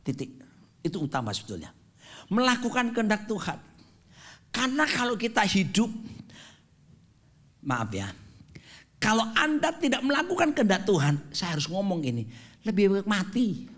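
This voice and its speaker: A man in his fifties preaching a sermon with a high, lively voice that leaps up and down. He delivers it dramatically, slipping in jokes and English phrases. He sounds like a pastor in a church. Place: church sanctuary.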